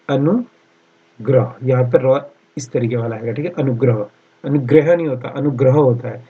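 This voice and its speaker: A man leads an online exam-prep class with a slightly high, husky voice. He poses each question, then drills the answer, repeating it slowly and checking in with "theek hai" after nearly every phrase. The recording is dull and lo-fi. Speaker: exam-prep Hindi teacher.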